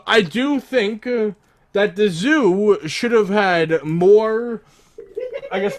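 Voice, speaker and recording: High, lively-voiced young man co-hosting. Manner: laughs often, says "friggin'", teasing. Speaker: podcast co-host. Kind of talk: casual chat. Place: home, on a call.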